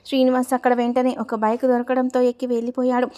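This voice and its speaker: A woman storyteller reading a story aloud at a steady, even pace. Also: sits high, quick pace. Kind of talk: read-aloud story narration.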